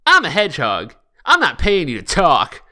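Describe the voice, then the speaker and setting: Man putting on a cocky cartoon hedgehog, bright-voiced. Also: on the high side, wildly swooping pitch, moderate pace, heavily acted. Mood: cocky, scornful. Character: boastful, often drunk cartoon hedgehog hero.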